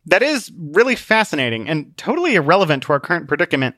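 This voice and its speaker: A man's voice: fairly high pitch, very animated, fast, fairly bright tone, no echo, clean studio sound, pitched above the performer's own voice. A man voicing an earnest young hero who speaks urgently.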